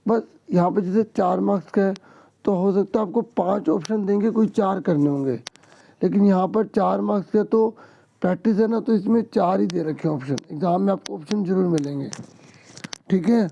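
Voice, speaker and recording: A hoarse man teaches students through a practice paper, step by step, often pausing to check they follow. His voice is gravelly and dark, and the recording sounds dull and lo-fi. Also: sits high. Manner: explains step by step, keeps asking "ठीक है". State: hoarse, sore throat. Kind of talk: exam-prep lesson to students.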